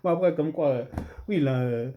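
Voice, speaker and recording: A middle-aged man of Comorian heritage casually telling a story to his channel's viewers, swinging between low asides and high excited exclamations. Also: moderate pace, highs cut off. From Comorian heritage, France. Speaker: channel host.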